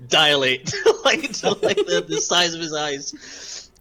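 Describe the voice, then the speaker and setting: A man's voice: on the high side, wildly swooping pitch, slow, bright, forceful tone. A man playing a tabletop game, describing his character's actions while laughing and stammering. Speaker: player.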